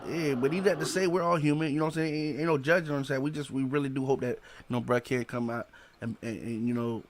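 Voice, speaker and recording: A podcast host interviews a guest in loose, slangy, casual talk, often tossing in "you know what I'm saying." His mid-range voice is fairly even in intonation and he speaks fast.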